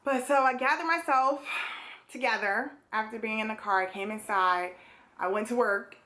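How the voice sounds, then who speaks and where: A woman's voice: a little high, normal speed, bright, forceful tone. A young woman vlogger casually telling a personal story to camera, chatty, with many fillers and small laughs.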